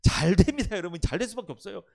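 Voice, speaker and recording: A man's voice: high-pitched, lively intonation, rapid-fire, vocal fry, a little mellow. A man preaching a sermon as pastor at a church service, emphatic and quizzing the congregation with questions for them to answer.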